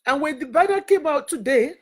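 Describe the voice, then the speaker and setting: High-pitched earnest woman mentor. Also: expressive, a little fast, a little mellow. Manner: earnest, repeats phrases, preacherly. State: crying and laughing at times. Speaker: mentor and network leader. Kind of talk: emotional motivational talk.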